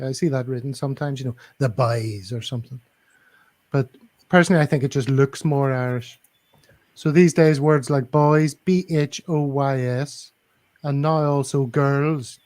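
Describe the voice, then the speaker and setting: A man's voice: mid-range voice, darkish tone. Man explaining things on a podcast. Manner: explanatory, spells words out letter by letter. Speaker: podcast co-host. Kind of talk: casual podcast chat. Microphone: video call.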